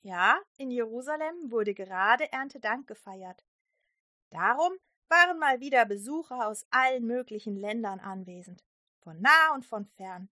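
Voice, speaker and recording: Bright-voiced woman telling a Bible story. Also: on the high side, animated, unhurried, no room sound, studio quality. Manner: warm, explaining to children. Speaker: children's church leader. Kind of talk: children's Bible story and prayer.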